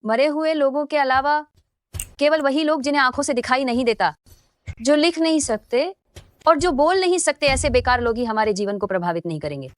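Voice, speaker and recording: A woman's voice: high voice, fairly quick, clean tone, close to an everyday voice. A woman voicing a scheming middle-aged mother who mocks and threatens a young woman. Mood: scornful. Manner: mocking and scornful. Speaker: dubbing actor. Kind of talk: Hindi dub of a short drama.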